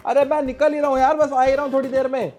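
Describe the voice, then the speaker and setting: An actor playing a harried young husband and son-in-law, defensive at home and exasperated on work phone calls. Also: male voice, very high voice, flat delivery, quick pace, a little mellow, faint music behind. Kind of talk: comedy sketch acting.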